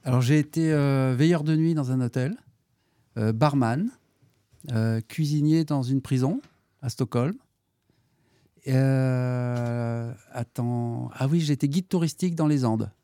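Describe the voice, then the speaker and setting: In a relaxed interview, a middle-aged man who teaches history and geography fields questions from students; he uses lots of fillers and sounds hesitant, yet livens up during stories. His medium-pitched voice is unhurried, and the recording is dry and studio quality.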